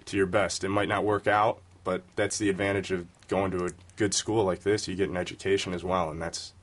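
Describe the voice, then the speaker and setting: Deep, fast-talking man on a panel. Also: flat delivery. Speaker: studio guest panelist.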